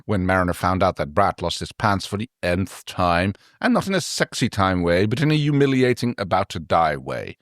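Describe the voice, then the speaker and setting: A man's voice: deep voice, big pitch swings, moderate pace, hardly any pauses, no room sound, studio quality. A man co-hosting a podcast, easygoing and chuckling as he chats and reads a story aloud. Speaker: podcast co-host. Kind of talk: casual chat and story reading.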